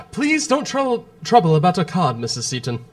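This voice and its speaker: A man playing a courteous but harried gentleman doctor in a radio drama, formal and firm, with weary politeness. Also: high-pitched, wildly swooping pitch, normal speed. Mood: weary, polite.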